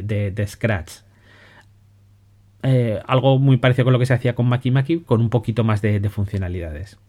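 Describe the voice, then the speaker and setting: A man with a Spain Spanish accent talks through educational software on his podcast. His delivery is loose and conversational, with frequent restarts and a habit of checking in with listeners. His pitch sits in an ordinary middle range. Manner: relaxed, conversational, many restarts and "¿vale?" checks. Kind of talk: casual spoken explainer.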